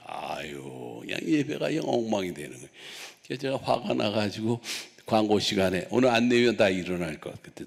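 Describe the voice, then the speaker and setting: Animated, gravelly Korean pastor preaching. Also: male voice, fairly high pitch, big-room sound. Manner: animated storytelling, acting out dialogue. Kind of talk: sermon.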